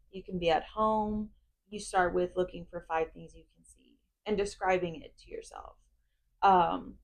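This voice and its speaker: A woman calmly explaining a grounding exercise step by step, in the instructional way of a therapist. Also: mid-range voice, poor audio.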